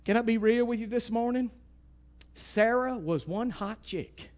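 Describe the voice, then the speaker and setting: A man with an East Texas accent delivers a sermon in a very high voice. He is folksy and emphatic, jumping from loud bursts to quiet asides. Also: measured pace. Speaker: preacher.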